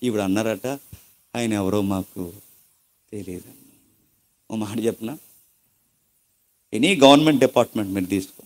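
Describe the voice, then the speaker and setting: A man's voice: lowish voice, normal speed, long pauses, a little mellow. A man preaching a sermon with emphasis, acting out the people he quotes.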